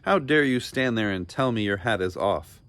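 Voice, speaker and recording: A man's voice: on the low side, expressive, normal speed, a bit bright. A man voicing an imperious, indignant king who barks demanding commands in a storybook reading. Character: imperious, furious king barking commands at a subject.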